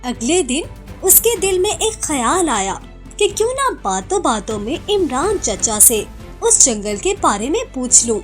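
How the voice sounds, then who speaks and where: A woman's voice: sits high, very animated, unhurried, faint music behind. A woman narrating a cartoon horror story in a dramatic storytelling manner.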